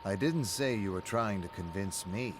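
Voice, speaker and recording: Man reading as a wry, probing barkeep: low, calm, teasing; traffic noise behind. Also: moderate pace, lightly acted. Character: wry older male pub owner, probing friend.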